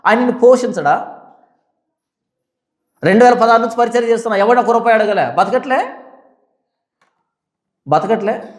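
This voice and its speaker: A man's voice: extremely high pitch, brisk, pauses often. A man preaching in a Bible study, firing off scolding rhetorical questions with fiery conviction. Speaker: pastor. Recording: echoey room.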